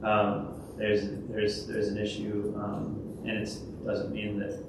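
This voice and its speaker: Speaking slowly in a low monotone, this conference speaker presents and takes audience questions in a big event hall. His delivery is halting, with lots of fillers and restarts. The audio comes from far off in the hall, so it's echoey and noisy.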